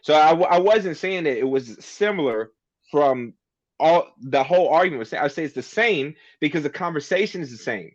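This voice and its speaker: A man's voice: fairly high pitch, lively intonation, normal speed, lo-fi sound. A man co-hosting a podcast, arguing his point at length in a casual debate. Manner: argumentative, emphatic, makes a point at length. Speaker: podcast co-host.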